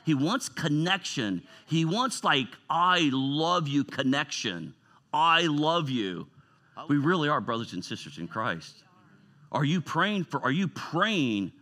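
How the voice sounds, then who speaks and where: A man's voice: medium pitch, a bit bright. A middle-aged man, a retired pastor telling personal stories in an informal, conversational sermon. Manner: storytelling, conversational, emotional asides.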